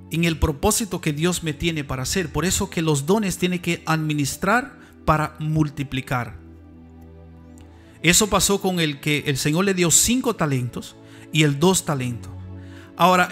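Middle-aged guy preaching, fervent and emphatic, high voice, soft music under it. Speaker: preacher, missionary. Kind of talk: sermon. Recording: faint music behind. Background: faint music.

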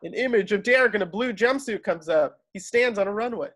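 A man with a fairly high, slightly bright voice acts as narrator, reading scripted stage directions for a table read over a video call. He speaks fairly quickly.

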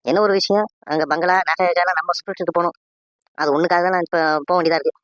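Guy doing a bossy old wife, high and rapid, scolding and gossipy, dry dull lo-fi sound. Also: steady tone, fairly bright tone, no room sound. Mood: scornful. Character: scheming older village wife, sharp-tongued. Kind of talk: cartoon voice acting.

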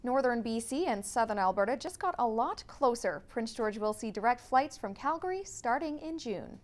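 A woman's voice: on the high side, expressive, moderate pace. Canadian woman anchoring the news. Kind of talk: scripted news reading. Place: TV studio.

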